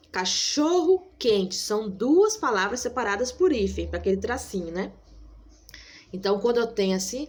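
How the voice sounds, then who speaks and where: A woman school teacher giving a recorded grammar lesson, patiently repeating key points, checking in with her listeners and slowly stretching out example words. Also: a little high.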